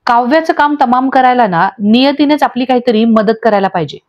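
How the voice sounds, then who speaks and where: A woman voicing a scheming middle-aged aunt who speaks low and hushed in a storybook recap. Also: a little fast, highs cut off, close to an everyday voice.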